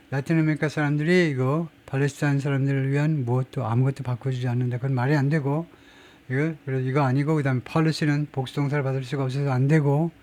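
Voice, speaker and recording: A man's voice: mid-range voice, a little mellow. A middle-aged man teaching English grammar in an emphatic, explanatory lecture, reading English example sentences aloud.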